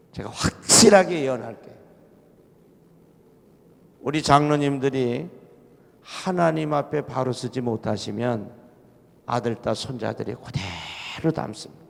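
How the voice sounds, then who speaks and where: A man's voice: mid-range voice, gravelly. A middle-aged man, a pastor giving a revival sermon in a church, telling folksy humorous stories with emphatic delivery. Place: church sanctuary. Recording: long church hall reverb.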